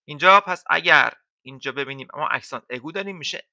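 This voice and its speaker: Chatty man teaching, bright dry sound. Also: on the high side, creaky, no echo, lo-fi sound. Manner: chatty, repeats words slowly for learners. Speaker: French teacher. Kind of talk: casual lesson explaining to beginners.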